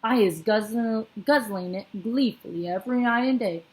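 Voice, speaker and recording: A gentle, good-hearted giant who coaxes and pleads in an eager, lifted voice, as a woman reading aloud puts him on. His grammar comes out charmingly jumbled, a timid soul growing brave in a storybook. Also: normal speed, close to an everyday voice, rough recording. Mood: anxious, coaxing. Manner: higher, eager, mangled grammar. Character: big kindly male giant, timid but clever.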